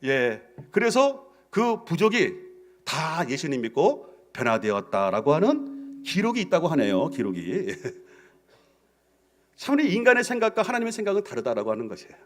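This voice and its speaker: A man preaching a Sunday sermon in a church as senior pastor, telling stories with sudden emphatic jumps in pitch and often saying "yes" between phrases. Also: wildly swooping pitch, fairly quick. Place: church sanctuary.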